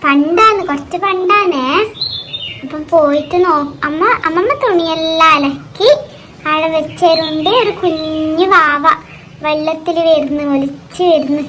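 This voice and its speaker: A woman's voice: high voice, noisy background, natural voice. A woman voicing a doting, teasing old grandmother in a cartoon who tells tall tales to her granddaughter. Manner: storytelling, fond and teasing. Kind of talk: cartoon voice acting.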